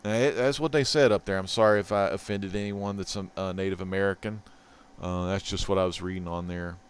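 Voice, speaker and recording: A man hosting a casual comic book haul vlog, chatty and excitable, swinging from loud bursts to mumbled asides. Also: low voice, fairly quick, clean tone. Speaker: host.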